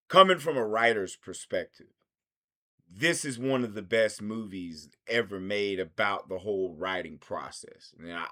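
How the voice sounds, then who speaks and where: Deep-voiced and sharp in tone, this man from the United States reviews films in a loose, rambling monologue. Swearing runs through nearly everything he says.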